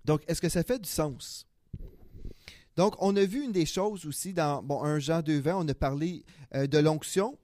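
Lively preacher man. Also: on the high side, unhurried. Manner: animated, chatty, self-correcting, chuckles often. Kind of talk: conversational sermon.

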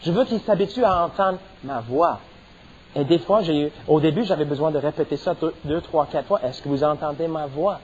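A middle-aged pastor delivers a sermon, building emphasis and dropping in amens. His voice sits high and sounds husky. The recording is dull and lo-fi. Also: normal speed. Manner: preaching with rising emphasis and repeated amens.

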